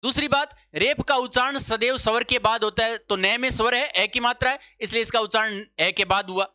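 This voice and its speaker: A man's voice: very high-pitched, fairly quick, pushed and bright, clear, resonant tone, no echo. A man teaching a Hindi grammar lesson for exam preparation. He asks questions, answers them himself, repeats the key points and checks that the class has understood. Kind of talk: exam-prep spelling lesson. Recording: dull lo-fi sound.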